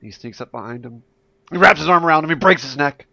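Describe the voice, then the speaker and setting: A man's voice: on the high side, quick pace, vocal fry, sharp tone, no room sound, muffled recording. A man hosting a podcast in casual chat, a jokey storyteller who laughs often. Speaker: podcast host and editor.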